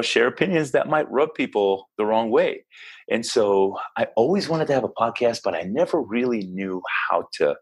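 An Israeli basketball coach in his thirties chats earnestly and casually as a podcast guest in an interview. His voice is lowish, gravelly, and breathy at the edges, and he often restarts sentences and uses fillers.

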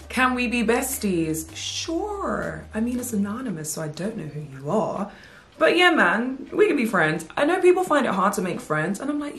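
Chatty low-voiced woman in a roomy space. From United Kingdom. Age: 20s. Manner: chatty, animated, playful with slang asides. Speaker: YouTube vlogger. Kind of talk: casual Q&A chat to camera.

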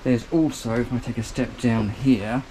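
With a handheld camera in tow, an upbeat man shows viewers around a small motor boat cabin, calling out its features as he walks. He reviews boats, and his mid-range voice stays steady at a moderate pace while background noise runs underneath.

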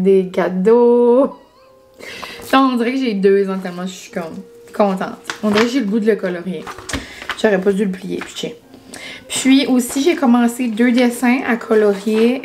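A woman's voice: mid-range voice, darkish tone, a little hiss or hum. A young woman with a Quebec French accent chatting casually to camera, full of fillers and English words. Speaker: vlogger. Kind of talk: casual vlog chat.

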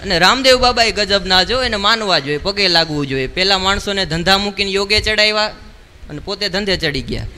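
A man's voice: high-pitched, noisy background. A man doing stand-up comedy on a stage mic, telling punchy jokes and checking in with the crowd. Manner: punchy joke telling, quick call-and-response to the crowd. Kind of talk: live stand-up comedy show. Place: live show in a large hall. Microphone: stage microphone. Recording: live hall recording with long reverb.

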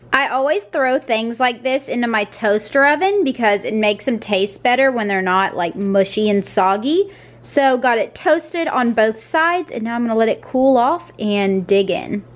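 A woman's voice: sits high, a bit bright. A woman, chatting upbeat to a handheld camera in her kitchen and car, and cooing to her dogs. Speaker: vlogger. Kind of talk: casual vlog talk to camera. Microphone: handheld camera at arm's length.

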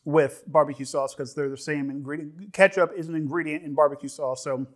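A young man giving a casual, humorous food review on camera, rambling and halting, repeating phrases and tossing in joking asides. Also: fairly high pitch, fairly even intonation. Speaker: snack reviewer. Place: indoor studio set with dark curtain backdrop. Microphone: lapel mic.

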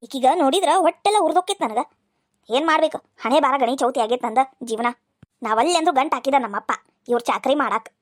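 A woman's voice: sits high, expressive, fast, dry recording, pitched below the performer's own voice. Casting: cartoon stepmother from North Karnataka, sugary then spiteful, bone-dry voice, a woman doing it. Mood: bitter. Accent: North Karnataka Kannada. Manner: sweet to the children, snarling behind their backs. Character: scheming grown woman stepmother, two-faced. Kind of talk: cartoon voice acting.

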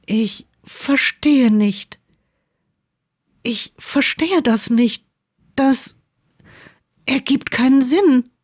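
A woman's voice: sits high, very slow, long pauses, darkish tone, slightly rough, pitched above the performer's own voice, exaggerated voice. A woman voicing an agitated, proud young male wizard student who talks in a heated, incredulous way and keeps raising his voice. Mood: bewildered.

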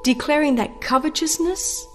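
Over background music, a woman reads scripted audiobook narration with a dramatic, formal tone, telling the story in a solemn and deliberate way. Her voice sits high and sounds a bit bright.

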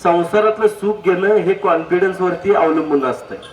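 Male public speaker with a high voice, jokey and anecdotal, miked from a distance in an echoey hall. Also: normal speed. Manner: jokey, anecdotal, asks the audience direct questions. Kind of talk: humorous public talk. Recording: echoey hall, distant mic, faint noise.

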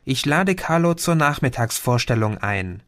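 A man's voice: mid-range voice, expressive, moderate pace, a bit bright, dry recording, clean studio sound, lightly acted. A man reading an audiobook, voicing a chatty, cheeky young woman who often ends with "oder?". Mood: bright.

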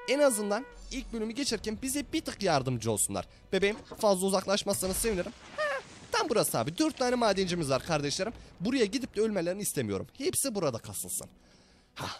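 Hoarse, lively young gaming commentator man. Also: a little high. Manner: animated, talks to viewers as brothers. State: sick, hoarse voice. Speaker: gaming YouTuber. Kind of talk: excited gameplay commentary.

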